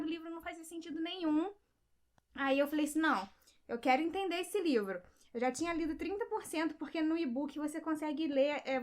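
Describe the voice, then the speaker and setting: A young woman with a Brazilian Portuguese accent, chatting casually about a book and often checking in with her listeners. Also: sits high. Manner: chatty, many fillers and rhetorical "sabe?". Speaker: book vlogger. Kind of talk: casual book review chat.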